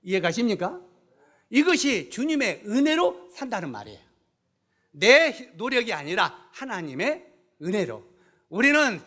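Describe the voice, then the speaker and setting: Man, sermon, bright tense voice, questions the congregation and answers them himself. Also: extremely high pitch. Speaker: preacher.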